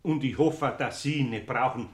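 An older man with a Bavarian accent playing a kindly master carpenter in a radio play, slow and soft-spoken. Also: medium pitch, natural voice. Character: kindly old master carpenter, gentle and patient. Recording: roomy studio recording.

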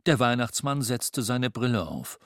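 A man narrating a storybook in a lively, expressive reading. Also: medium pitch, unhurried, no room sound, studio quality. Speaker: audiobook narrator.

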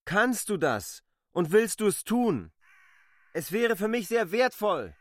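An actor playing K., a stubborn adult land surveyor who reproaches a messenger in a radio drama. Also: male voice, high voice, very animated, slow, no room sound, exaggerated voice. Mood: pleading. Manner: insistent, exasperated, reproachful. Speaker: lead character in a radio play.

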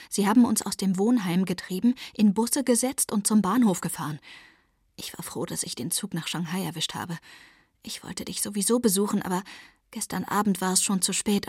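A woman reading the part of a frightened young female student who speaks in a nervous hush, in a breathy voice. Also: medium pitch, dry recording, studio quality. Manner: nervous hushed talk.

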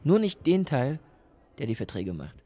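A man voices a cynical self-styled love professional in a radio drama. He lectures with sardonic bite, dropping to near whispers and then pressing hard on his points. His voice sits at an ordinary middle pitch. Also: huge pitch swings, moderate pace. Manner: sardonic, lecturing, swings from hushed to emphatic. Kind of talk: radio play dialogue.

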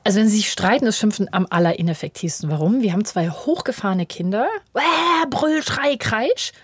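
A woman's voice: medium pitch, fairly quick, slightly rough, no room sound. A middle-aged woman, a parenting expert, talking in an interview and acting out the voices of parents and children as she explains. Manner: animated, acts out quoted voices of children and parents. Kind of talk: conversational interview.

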